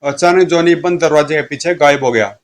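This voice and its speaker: A man's voice: on the high side, moderate pace. A man narrating a horror comic story dramatically, voicing the sound effects himself. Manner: voices sound effects aloud.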